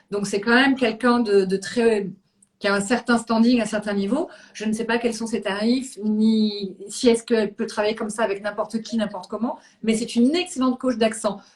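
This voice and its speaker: A woman's voice: on the high side, a little mellow. A woman from Réunion hosting an interview and relaying viewer questions. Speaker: host.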